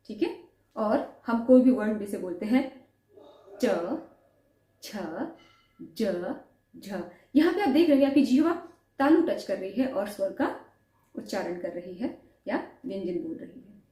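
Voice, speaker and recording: A woman's voice: a little high, warm tone. A woman teacher giving a pronunciation lesson, sounding out letters one by one and asking the class questions. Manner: demonstrates sounds slowly, asks questions. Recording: echoey room.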